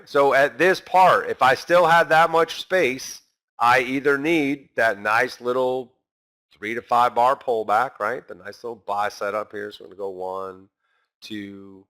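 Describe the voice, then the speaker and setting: A man teaching a recorded trading lesson, animated and talking straight to his viewers, acting out a trader's inner voice. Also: mid-range voice, measured pace. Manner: talks straight to the viewers as guys. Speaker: trading instructor.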